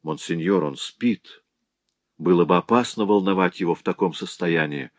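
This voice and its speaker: A composed, stern doctor in a storybook, speaking low, quiet and unhurried with firm authority, as a man plays him. The sound is close and dry. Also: no room sound, close to an everyday voice. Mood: stern calm.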